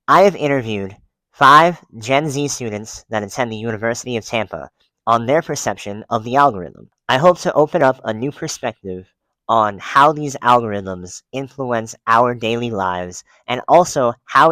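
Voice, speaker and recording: A young man reading a prepared introduction as a student interviewer, measured and scripted. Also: mid-range voice, pushed and bright, no room sound. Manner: measured, reads prepared lines. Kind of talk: scripted presentation.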